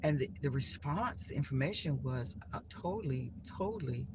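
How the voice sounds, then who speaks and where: A woman with a bass voice hosts a live stream from her phone at home, chatting casually with viewers about spiritual lessons. She speaks expressively at normal speed, rambling loosely with many restarts and lots of "you know" fillers. Background noise is clearly audible.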